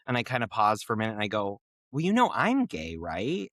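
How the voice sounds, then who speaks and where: Male podcast co-host, animated storyteller, very lively pitch, dry close sound. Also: fairly quick, no echo. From Nebraska. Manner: animated, giggly storyteller who jumps high when excited. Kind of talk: casual storytelling chat.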